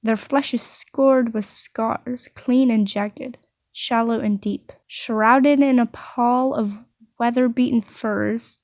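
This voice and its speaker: A woman's voice: fairly high pitch, fairly even intonation, slow pace, a little mellow, no echo. A woman reading a visual novel aloud, with playful asides between narration. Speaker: story reader.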